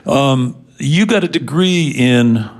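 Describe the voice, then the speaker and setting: A man's voice: mid-range voice, slow pace, slight background noise. A man hosting a live radio show, introducing music and interviewing a guest in a casual, easygoing manner. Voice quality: casual, relaxed delivery with fillers.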